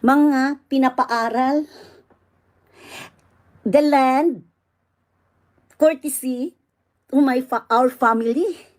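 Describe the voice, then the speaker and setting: Casting: babaeng Visayan ang punto, palaban na rant sa live, medyo mataas ang boses. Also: female voice, high-pitched, drawn-out words, pauses often. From Visayas, Philippines. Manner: loud indignant ranting, mixing English in. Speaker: online seller livestreaming. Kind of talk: angry livestream rant.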